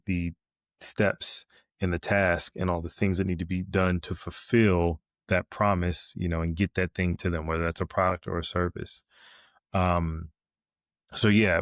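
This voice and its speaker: A man with a low, deep voice talks through his ideas as a podcast guest. He explains step by step and keeps tagging his points with a quick "right?". The sound is dry and close. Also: no room sound. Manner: frequent fillers and restarts. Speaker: guest, business coach. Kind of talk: podcast interview.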